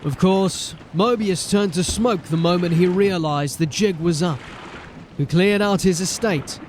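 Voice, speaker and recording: In a fantasy audio drama, a male actor with a high-pitched voice plays a gruff, resolute city watch sergeant who becomes captain. He delivers both acting and first-person narration in a commanding, wry, grimly determined way. Music plays behind him, along with slight background noise.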